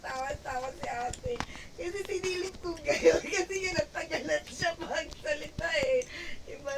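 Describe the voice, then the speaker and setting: A woman chatting casually while gaming, telling a story in an animated way and laughing often. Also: high voice, normal speed, over a noisy crowd. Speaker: gamer chatting while playing. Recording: distant mic with loud background noise.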